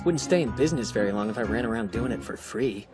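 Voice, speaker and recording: A man's voice: mid-range voice, animated, fast talker, over music, natural voice. An actor playing a cool, bossy teenage boy who exorcises spirits, curt and dry, in an anime dub. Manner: curt and dry, exploding into scolding. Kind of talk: anime English dub acting. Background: background score.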